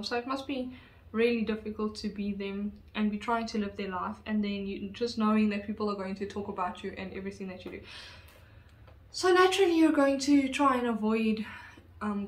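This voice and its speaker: A woman telling a true crime story in a casual, chatty way, full of fillers and asides. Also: mid-range voice. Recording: roomy echo.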